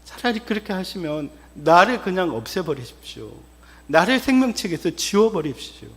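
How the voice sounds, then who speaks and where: A man's voice: sits high, very animated, moderate pace, fairly bright tone, long reverb tail, exaggerated voice. A man preaching, voicing Moses as he pleads respectfully with God. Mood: pleading.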